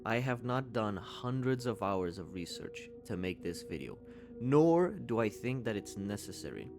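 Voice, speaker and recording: A man's voice: lowish voice, sing-song, unhurried, creaky, over music. A man in his twenties giving a candid, conversational commentary voice-over and swearing casually. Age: 20s. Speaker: YouTube commentator.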